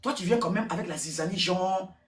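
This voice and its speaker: A woman giving casual gossip commentary, repeating words and switching languages in an excitable way. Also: lowish voice, a little fast. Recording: roomy echo, distant from mic.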